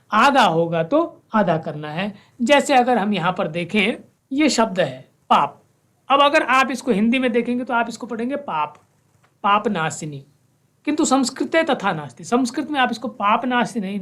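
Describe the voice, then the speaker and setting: A woman teaching a language class, slowly reciting verses with careful pronunciation and then explaining them. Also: on the high side. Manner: switches between chanted verse and spoken explanation. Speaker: Sanskrit teacher.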